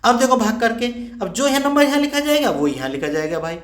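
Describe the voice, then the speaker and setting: A man with a high, very animated voice walks students through a maths problem on a board. He keeps checking that they follow along, and his voice rings in an echoey room. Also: brisk. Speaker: maths teacher. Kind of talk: whiteboard maths lesson.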